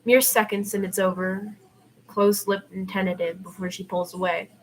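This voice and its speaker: Her mid-range voice stays flat and moves at a normal speed as she reads fan fiction on an amateur livestream, chatting casually in between. The recording carries obvious noise, and she is a podfic reader who streams live.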